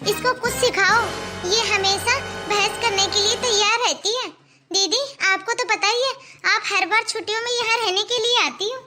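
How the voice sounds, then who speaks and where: A woman voicing a sharp-tongued aunt who lectures her husband's sister and niece bluntly in a cartoon. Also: very high voice. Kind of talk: cartoon voice acting.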